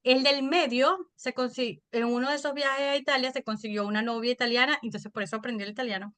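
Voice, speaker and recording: A woman in her thirties with a Venezuelan accent, a podcast guest telling stories in an animated, chatty way. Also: on the high side. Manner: animated storytelling, quick and chatty. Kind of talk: casual interview chat.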